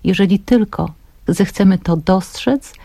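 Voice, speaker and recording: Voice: medium pitch, a little slow, creaky, mellow, no room sound. A guest author speaking earnestly in a radio studio, piling up lists of phrases. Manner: builds long lists of phrases. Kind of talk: earnest reflective talk.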